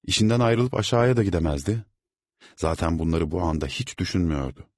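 A man narrating an audiobook in a measured, steady reading. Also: low-pitched, dry recording, clean studio sound. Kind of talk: scripted narration.

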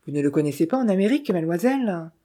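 A suave French count, gallant and gushing, as a narrator puts him on. He is cheerful and flattering, with a mellow, dark tone for a storybook. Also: medium pitch, racing.

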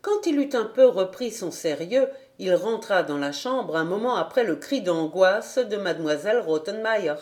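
A woman reading a children's novel aloud as an audiobook, in an expressive, measured way. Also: mid-range voice. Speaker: audiobook reader. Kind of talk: storybook narration.

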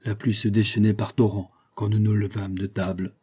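Low, husky-voiced male narrator. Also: level tone, normal speed, dark tone. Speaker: audiobook narrator. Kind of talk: scripted narration.

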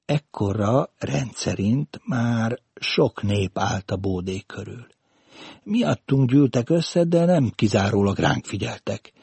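A man narrates a literary story in a measured, deliberate audiobook reading. His tone is warm and mellow with a slightly husky edge. The recording is dry and close, with no room sound. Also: medium pitch, animated, no room sound.

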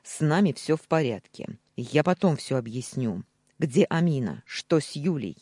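A man's voice: on the high side, expressive, normal speed, a little mellow, dry recording, clean studio sound. A man voicing a frantic young husband who barks urgent orders in an audiobook. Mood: anxious.

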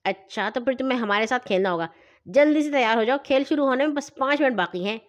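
A woman doing a bossy, brisk team captain. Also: sits high, animated, highs cut off. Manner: brisk and urgent.

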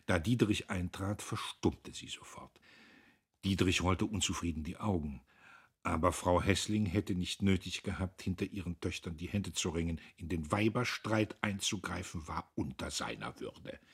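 Husky man reading an audiobook. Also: low voice, normal speed. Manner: expressive, dramatic reading. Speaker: audiobook narrator. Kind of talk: scripted audiobook narration.

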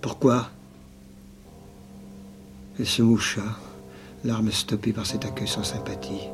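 A man reading a novel on the radio. His narration keeps sinking into a low whisper. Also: little pitch movement, moderate pace. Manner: narration dropping often to a low whisper, jealous outbursts in dialogue. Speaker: actor reading a novel aloud. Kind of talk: dramatized literary reading on radio. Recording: archival radio broadcast with music behind.

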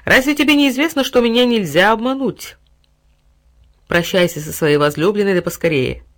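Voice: medium pitch, normal speed, fairly bright tone, natural voice. A storyteller voicing Time, a stern and impatient old man who speaks brusquely and gives commands.

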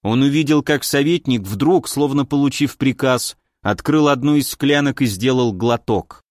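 A man narrating a fantasy audiobook in a steady, even storytelling manner. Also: medium pitch, normal speed, no room sound, clean studio sound.

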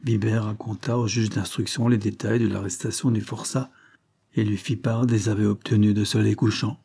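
A man reading a classic novel aloud in measured, even scripted narration. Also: on the low side, vocal fry, husky. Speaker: audiobook reader.

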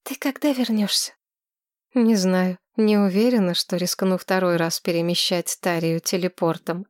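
A woman voicing a bubbly, lovestruck young woman friend who gushes and drops into breathy whispers. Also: lowish voice, fairly even intonation, moderate pace, no echo, clean studio sound, close to an everyday voice. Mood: playful.

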